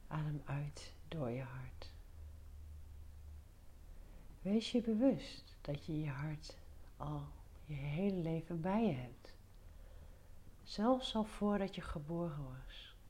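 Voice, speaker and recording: Low, very slow, whispery woman guiding meditation. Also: expressive. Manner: soft, breathy near-whisper, soothing; short instructions with pauses. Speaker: meditation guide. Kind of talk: guided meditation.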